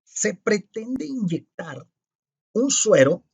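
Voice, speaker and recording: Slow, deliberate male physics teacher. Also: sits high, very animated, vocal fry, darkish tone, husky. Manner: deliberate, spells out each calculation and checks itself. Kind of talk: explaining exercises step by step.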